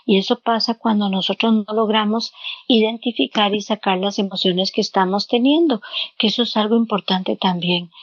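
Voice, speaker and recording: A woman's voice: medium pitch, no room sound. A woman guest giving counseling advice in an interview, explaining step by step and repeating words as she searches for them. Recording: dull lo-fi, dry sound.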